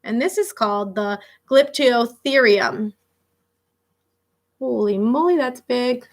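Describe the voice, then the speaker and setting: With a slightly high voice, a woman reads a nonfiction book to children in the style of an elementary teacher. Her reading is expressive and aimed at kids, broken up by casual asides.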